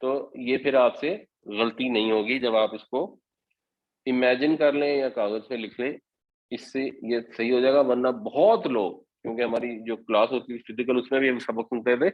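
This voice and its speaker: A man's voice: medium pitch, narrow, tinny audio. A man giving a Quran commentary lesson, explaining patiently step by step. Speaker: Quran teacher.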